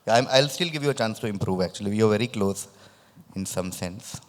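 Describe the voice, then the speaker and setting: A man's voice: lowish voice, brisk. A man with a lisp and whistling s, hosting a live quiz, reading questions and chatting with contestants. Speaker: quiz host. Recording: echoey, long room reverb.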